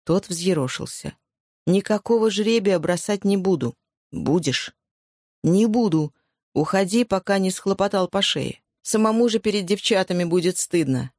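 A man's voice: high-pitched, lively intonation, moderate pace, a little mellow, dry recording, studio quality. A man reading a story aloud, voicing the characters' lines himself. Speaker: narrator.

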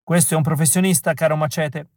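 A man's voice: on the high side, fairly even intonation, quick pace, a little mellow, dry recording, voice pushed up, close to an everyday voice. A man voicing a lazy, tattooed gatekeeper who chews gum and dismisses applicants, in an audiobook reading. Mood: friendly. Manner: bored and dismissive.

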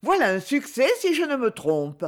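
A jealous, sarcastic young lady of the nobility speaking with barbed irony, as a woman narrator voices her. Her voice sits raised and swings with lively pitch. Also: moderate pace. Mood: ironic. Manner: ironic, sarcastic. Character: ironic, jealous young noblewoman.

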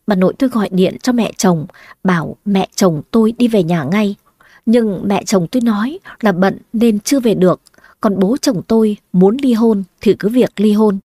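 A woman telling a first-person family story, lively with dramatic exclamations. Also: mid-range voice, dry recording, studio quality.

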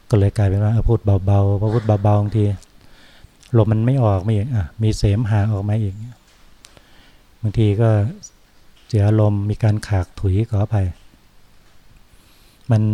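An older male Buddhist monk from Thailand giving an informal Dhamma talk in an unhurried, reflective way, often closing phrases with a soft tag word. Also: fairly low pitch.

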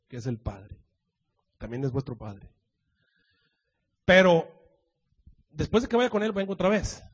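Preacher playing a soft-spoken calm holy man giving orders, husky, lots of hall echo. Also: fairly high pitch. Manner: soft, measured instructions. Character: calm commanding divine man, gentle and authoritative.

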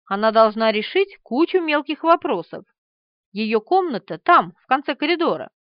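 A woman's voice: sing-song, moderate pace, no room sound. A woman voicing a cheerful, hearty middle-aged father in an audiobook. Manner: hearty, then polite and low. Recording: dry, slightly dull studio recording.

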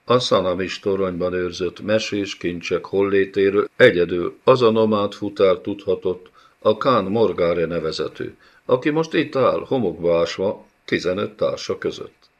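Male narrator, very low voice, steady dramatic reading; slightly muffled recording. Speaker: audiobook narrator. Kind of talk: scripted fantasy narration.

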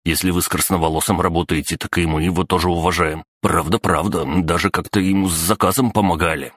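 Man reading stammering groveling thug, a bit higher than his own voice, dry close take. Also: steady tone, fast talker, a bit bright, husky, dry recording. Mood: fawning. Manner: stammering, fawning. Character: cowardly fawning young male thug.

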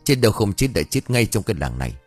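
A man's voice: lowish voice, very animated, fast, a little mellow, husky, faint music behind. A man voicing an irritable drunk young village man who curses. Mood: irritated.

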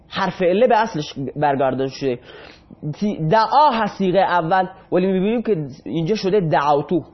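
A man teaching an Arabic grammar lesson in Persian, asking questions and answering them himself as he drills verb forms aloud. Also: high-pitched. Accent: Iranian Persian. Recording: dull lo-fi classroom recording.

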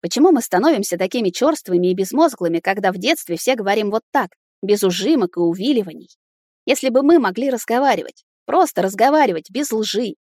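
A woman reading a first-person novel aloud, with steady, intimate storytelling. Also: medium pitch, no room sound, clean studio sound. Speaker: audiobook reader.

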